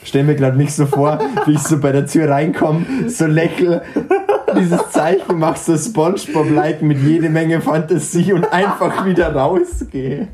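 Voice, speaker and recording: A man's voice: on the high side, fairly even intonation, a little slow, a crowd in the background. A young man in casual chat who often restarts his sentences and laughs easily.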